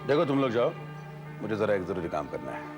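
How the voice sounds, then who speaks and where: An actor playing a brisk, direct investigator who questions his team and gives orders in a TV serial. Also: lowish voice, very animated, over music. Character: commanding retired officer detective, brisk. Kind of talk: TV serial acting.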